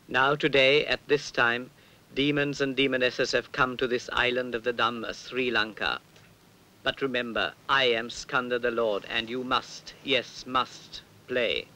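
An actor playing a village priest possessed by a god, giving imperious, emphatic commands. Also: male voice, mid-range voice, sharp tone, poor audio. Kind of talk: film reading of a ritual transcript.

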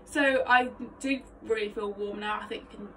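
A young woman vlogging her vocal warmup, chatty, rambling and self-mocking, her voice slightly phlegmy. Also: medium pitch, steady tone, normal speed, a little hiss or hum. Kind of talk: casual vocal warmup vlog. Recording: voice a bit distant from mic.

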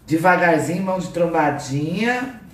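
A woman's voice: on the low side, lively intonation, moderate pace. A Brazilian woman teaching a painting craft on a live stream, greeting viewers by name as she instructs. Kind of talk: casual live craft lesson. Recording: roomy sound from a distant mic, faint noise.

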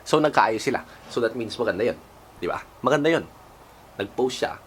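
A man's voice: mid-range voice, animated, fairly quick, fairly bright tone, slight background noise. A man doing a comic vlog rant, mocking and exasperated, swearing freely. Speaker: vlogger.

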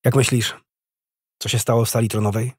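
A man's voice: mid-range voice, little pitch movement, fairly quick, slightly rough, no room sound, close to an everyday voice. A man voicing a cold, commanding young prince who speaks curtly with dry authority.

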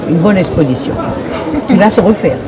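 A woman's voice: lowish voice, animated, normal speed, heavy background noise. An older woman from Morocco, a guest on a fair stage, talking in a hesitant, repetitive way. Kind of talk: casual interview talk. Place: wooden hall at a public fair. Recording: crowd chatter in a hall.

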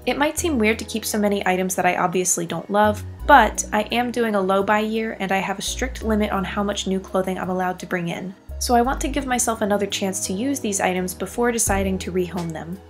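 A woman's voice: medium pitch, brisk, few pauses, soft background music. A young adult woman talking casually through a clothing try-on, chatty and self-deprecating with playful asides. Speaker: vlogger. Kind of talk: casual vlog chat.

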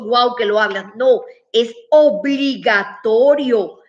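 A woman's voice: on the high side, dull audio. A woman giving a casual online lesson, chatty and emphatic, talking straight to her viewers. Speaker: English teacher.

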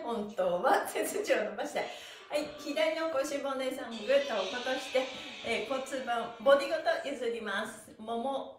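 Cheerful and encouraging, a middle-aged woman teaches an exercise class, cueing moves and chanting counts in rhythm, her voice sitting high. She teaches stretching and pantomime. A camera a few meters away in a small, bare studio picks up an echoey room with faint music, the mic far off.

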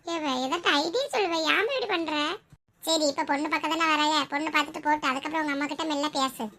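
High bright girl performing a homemade family skit, playing every part. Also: fast talker.

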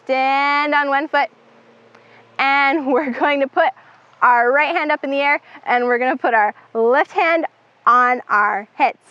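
A woman's voice: high-pitched, a little slow, pushed and bright, no echo, highs cut off. A young woman teaching a children's Bible club, upbeat and instructive, counting down and leading the group in reciting verses.

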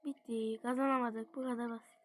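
A young person commenting casually on a driving game, chatty and excitable, cheering and counting along. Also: female voice, a little high, brisk. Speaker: gaming channel host.

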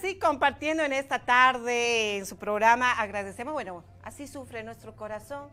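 A woman's voice: a little high, moderate pace, bright, forceful tone, soft background music. A woman presenting a casual television talk show in a studio. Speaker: TV show host.

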